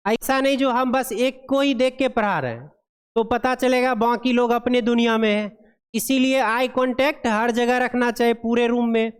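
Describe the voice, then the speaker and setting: A woman teaching pharmacy students in a classroom, speaking in a smooth, fairly high voice. She reads each point slowly and then explains it, checking often that the class follows. Her voice rings with a long reverb off the room. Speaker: pharmacy lecturer. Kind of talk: classroom lecture.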